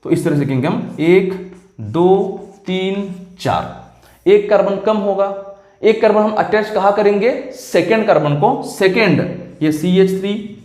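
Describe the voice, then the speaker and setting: A man lectures on chemistry in a classroom, walking through each step and repeatedly asking students whether it's "clear?" His voice sits high and sounds a little mellow, animated yet slow-paced, in an echoey room.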